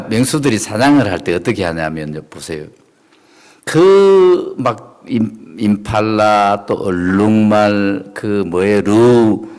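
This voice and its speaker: A middle-aged male pastor preaching a sermon, emphatic and animated, often asking the congregation questions and laughing. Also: fairly low pitch.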